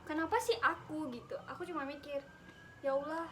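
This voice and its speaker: Young woman vlogger, high voice, laughing chatty retelling, faint noise behind. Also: fairly even intonation, fairly quick, bright, forceful tone. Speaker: vlogger telling her own story. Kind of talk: casual storytelling chat.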